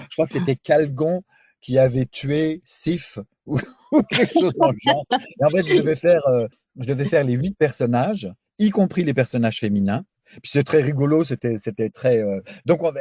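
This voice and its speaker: A man from France speaks in a warm, mellow voice, talkative and animated as he describes his work as a voice actor. The sound is close and dry, like a studio radio interview. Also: mid-range voice, husky, dry recording. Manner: animated, talkative, explains with examples. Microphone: studio microphone.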